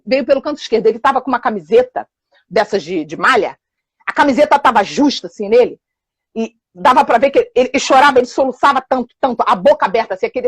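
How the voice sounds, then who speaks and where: A woman preaches and tells a testimony, her husky voice riding high and swinging widely in pitch. She moves between loud outbursts and hushed passages as she acts out the story. The sound is dry and close, with no room around her. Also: dry recording.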